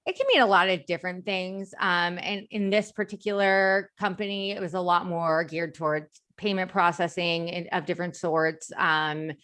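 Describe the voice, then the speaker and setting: A woman's voice: fairly low pitch, steady tone, moderate pace, hardly any pauses, fairly bright tone. American woman with a slight slushy lisp. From Chicago area, United States. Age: 30s. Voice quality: slight lisp with slushy s sounds from lingual braces. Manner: chatty, self-deprecating, peppered with "like". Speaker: company founder, interview guest. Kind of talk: casual podcast interview.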